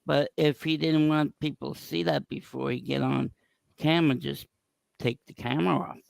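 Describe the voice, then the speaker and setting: A man's voice: a little high, fairly even intonation, moderate pace, vocal fry, dry recording. A man in casual, rambling chat on a talk show.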